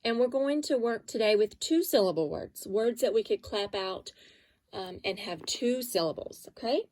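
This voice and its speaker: A woman's voice: on the high side, animated, normal speed, a little mellow, dry recording. A woman teaching a phonics lesson to young children, patiently sounding out letters and syllables.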